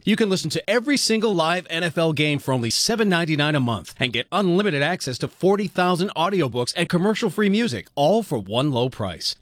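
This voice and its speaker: A man's voice: on the high side, dry recording, studio quality. A man announcing a scripted promotional advertisement.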